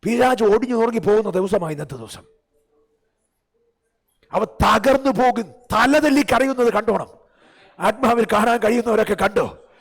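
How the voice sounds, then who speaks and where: A male pastor with a Malayali accent preaching a fervent sermon to his congregation, swinging between drawn-out cries and low, quick asides and firing rhetorical questions at the crowd. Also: creaky. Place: large church hall.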